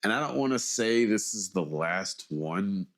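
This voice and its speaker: A vlogger in his forties, sounding mildly congested, gives a casual, rambling monologue, hesitating, correcting himself and circling around his point. His voice is fairly low and a bit bright, expressive, and delivered at a measured pace.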